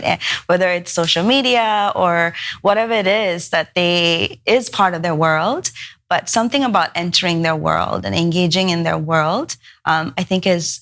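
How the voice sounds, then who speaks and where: A woman's voice: on the low side, fairly bright tone. A woman from Sri Lanka, a missions pastor, speaking conversationally and affirmingly at a roundtable. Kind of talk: roundtable discussion.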